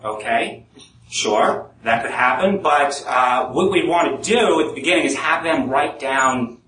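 A man's voice: medium pitch, measured pace, a bit bright, pitched above the performer's own voice, close to an everyday voice. A man playing a smug statist in a 1930s gangster movie accent during a live speech, heard from a distance in an echoey room. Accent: 1930s gangster movie accent put on. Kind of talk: live speech role-play. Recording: echoey room, mic at a distance, faint noise.

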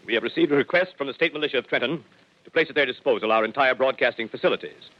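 A man plays a grave broadcasting official from the newsreel era. He reads very rapidly at a middle pitch, stiff and solemn. The old 1930s radio recording is dull. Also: natural voice. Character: grave male broadcasting executive reading formal statement.

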